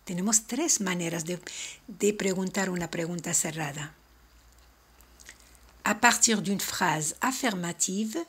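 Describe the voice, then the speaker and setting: Slow, breathy woman teaching a language. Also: medium pitch. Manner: slow, deliberate explanations, repeating each point in two languages. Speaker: French teacher. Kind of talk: bilingual language lesson.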